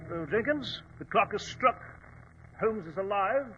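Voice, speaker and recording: An actor playing an earnest, easily flustered gentleman doctor and loyal companion in 1940s radio drama style. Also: high-pitched, expressive, unhurried, very noisy. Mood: grave storytelling. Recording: dull vintage radio recording.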